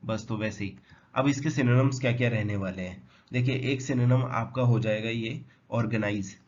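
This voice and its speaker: A man teaching English vocabulary, who asks his students questions and answers them himself, spelling words out slowly. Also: mid-range voice, a little mellow. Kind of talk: explanatory lesson. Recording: dull lo-fi sound with faint noise.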